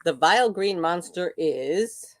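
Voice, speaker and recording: An older woman hosts a relaxed livestream, reading viewers' comments aloud and laughing along. Her voice sits a little low and she takes her time. The sound is close and dry, with no room around it. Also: takes it slowly, dry recording. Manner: chatty, reads chat comments aloud and laughs often. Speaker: livestream host. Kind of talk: casual live chat reading viewer comments.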